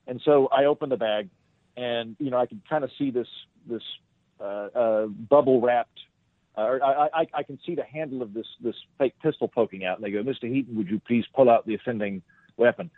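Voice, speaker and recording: A man's voice: medium pitch, a little fast, no room sound. A male comedian telling a rambling, self-deprecating story as a podcast guest, on a tinny, dry phone-like line.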